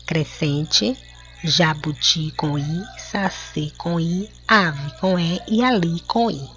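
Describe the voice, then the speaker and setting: Patient Brazilian woman teacher, low voice. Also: fairly bright tone. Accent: Brazilian Portuguese. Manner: slow, clear, spelling words out for children. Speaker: schoolteacher. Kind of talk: recorded classroom lesson. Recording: dull lo-fi home recording.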